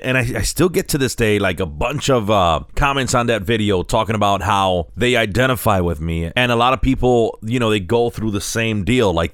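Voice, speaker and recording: Relaxed man with a crisp dry voice. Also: medium pitch, no echo. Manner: relaxed, rambling, mixes English and Spanish. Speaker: vlogger. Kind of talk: casual chat to camera.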